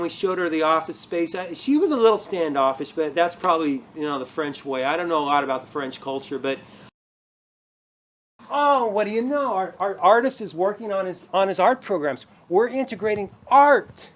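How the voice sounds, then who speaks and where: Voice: mid-range voice, lively intonation, normal speed, fairly bright tone, slight background noise, natural voice. A person playing an office manager who leads a tour in a mockumentary comedy, talking hesitantly with many fillers and restarts.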